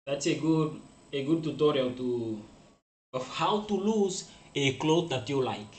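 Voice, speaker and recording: A man's voice: on the high side, lively intonation, a little slow. A man whose first language is Portuguese, chatting casually and rambling about his day with frequent self-mocking laughs. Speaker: forex trading vlogger. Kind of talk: casual chat. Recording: echoey room with faint ambience.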